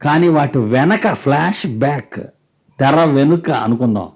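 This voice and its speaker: A male pastor preaching a sermon. He often puts rhetorical questions to the congregation and reads scripture slowly and with weight. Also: medium pitch, expressive, darkish tone, slightly rough, dull audio.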